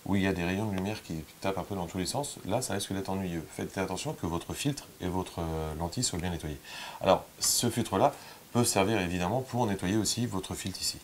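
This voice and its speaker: A man teaching photography, talking viewers through a hands-on cleaning demonstration in a relaxed, chatty way with frequent hesitations. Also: deep voice, brisk, a little hiss or hum.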